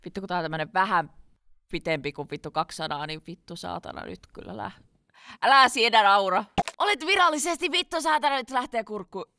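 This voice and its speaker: A woman's voice: mid-range voice, animated. A woman recording a fan dub, swearing constantly and laughing between takes. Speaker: amateur voice actor. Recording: noisy home mic recording.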